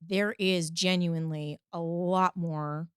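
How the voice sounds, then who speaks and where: A woman's voice: lowish voice, steady tone, slow pace, clean tone, no room sound, clean studio sound. A woman from Texas, a singer-songwriter, chatting as a guest on a podcast, talkative and laughing easily as she wanders off on tangents. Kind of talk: casual interview chat.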